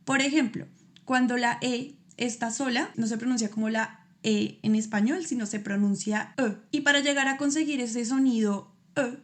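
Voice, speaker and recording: Woman, native Spanish speaker, slightly high voice, casual lesson, patient step-by-step explanations. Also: fairly even intonation. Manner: patient, explains step by step, demonstrates sounds slowly. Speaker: amateur French teacher.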